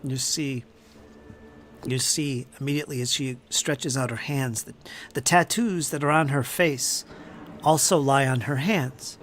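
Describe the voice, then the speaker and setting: A man running a tabletop game as game master, narrating scenes in a deliberate, descriptive way with a shifting pace. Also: medium pitch, a bit bright, slight background noise.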